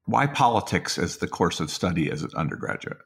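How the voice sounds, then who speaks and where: A man's voice: sits low, big pitch swings, a little fast, vocal fry, breathy edge. A man hosting an interview, asking questions in a conversational style. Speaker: interviewer, podcast host.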